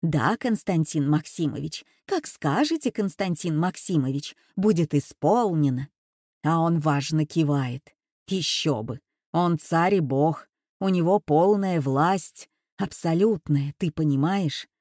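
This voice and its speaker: A man's voice: fairly high pitch, slow, mellow, no room sound, studio quality. Woman reading as a bitter older male professor. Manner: bitter, indignant.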